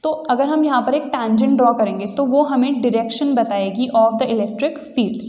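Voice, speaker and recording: A woman with an Indian accent teaching a physics lesson, mixing Hindi and English and slowing down for definitions. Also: on the high side, dark tone, dull audio. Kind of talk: explanatory Hinglish lecture. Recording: echoey room with long reverb.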